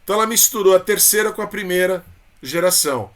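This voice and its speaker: Speaking fast with lively intonation and a high pitch, this Brazilian Portuguese–accented teacher runs a casual literature review for exams. He keeps tossing out tag questions and calling his students by fond nicknames.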